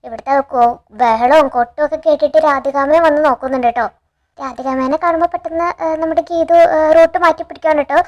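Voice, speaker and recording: High-pitched woman doing a quick casual recap of a soap episode, chatty storyteller. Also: fairly even intonation, muffled recording. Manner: chatty, tags sentences with a friendly filler; quick, eager storytelling with quoted dialogue. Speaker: TV serial recap narrator.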